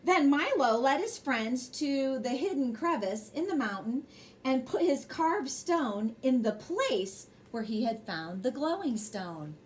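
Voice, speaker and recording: Very animated yet unhurried, a high-pitched female voice brings a children's bedtime story to life, with brief remarks to the little ones listening. This storybook host reads against slight background noise.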